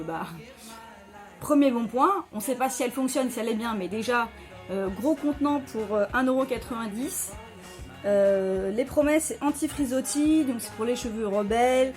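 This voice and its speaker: Chatty woman reviewing hair products. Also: high-pitched. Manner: chatty, many fillers and restarts. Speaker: beauty vlogger. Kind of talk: casual product review vlog.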